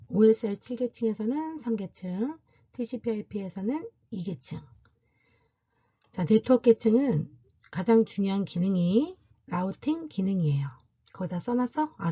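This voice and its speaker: A woman's voice: mid-range voice, dark tone, husky, muffled recording. A woman university lecturer giving a recorded classroom lecture, explaining step by step and asking and answering her own questions.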